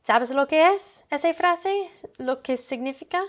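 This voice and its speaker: A woman's voice: high voice, lively intonation, unhurried. A woman whose first language is English, teaching an English lesson in careful, non-native Spanish.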